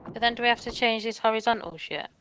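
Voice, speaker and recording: A woman's voice: on the high side, fast, a bit bright, slight background noise. A woman playing a game with her husband, blunt, sweary and impatient in casual chat. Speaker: co-host, player.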